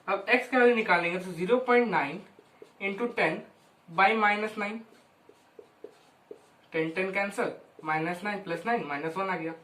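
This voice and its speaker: A woman walks through a maths proof in a loose, conversational way and keeps checking that her listeners are following. She slows right down on long runs of digits. Her voice sounds roomy and a little distant from the mic. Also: mid-range voice. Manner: chatty, keeps checking in with "ठीक है" and "हाँ". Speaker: maths teacher. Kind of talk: informal whiteboard lesson.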